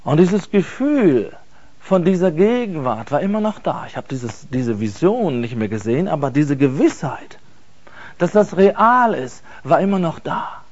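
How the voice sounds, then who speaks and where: A man telling an emotional personal faith testimony, earnest and halting, repeating words for emphasis. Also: a little high, very animated, a little mellow, lo-fi sound. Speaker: speaker giving a faith testimony.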